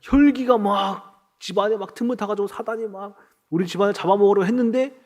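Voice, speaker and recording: A pastor in his thirties delivers a sermon, shifting into little acted-out exchanges to make his point. His voice sits a bit high for a man. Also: fairly quick. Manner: animated preaching, acting out quoted dialogue.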